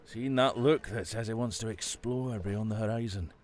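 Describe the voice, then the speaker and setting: A man's voice: lowish voice, moderate pace, a little hiss or hum, lightly acted. A man voicing a brash, bird-loving ferry captain with a Scottish accent, in a game. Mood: enthusiastic. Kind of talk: voiced game dialogue.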